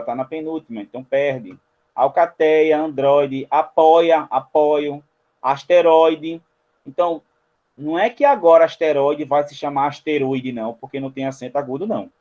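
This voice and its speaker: A man explains spelling rules at a board, pausing to point out each example to his viewers. His voice sits a bit high yet sounds mellow and relaxed. The recording is slightly dull and lo-fi. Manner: explains step by step, often pointing things out to viewers. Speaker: teacher. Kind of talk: spelling lesson at a whiteboard.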